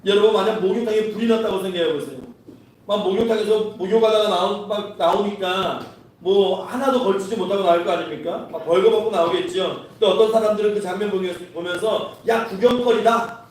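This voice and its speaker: A man preaches in a lively storytelling way and voices the people in his story himself. His voice sits high for a man and rings through a very echoey church hall. He is picked up from a distance, with a faint hum of the room behind him. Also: fairly quick. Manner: storytelling preacher acting out quoted dialogue. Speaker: pastor. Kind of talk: sermon. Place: church sanctuary.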